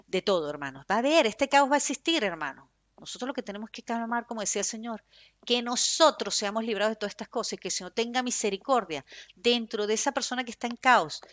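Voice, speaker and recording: A woman preaching a fervent, emphatic sermon in Spanish with a Venezuelan accent, speaking in a loud tone. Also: medium pitch, no echo.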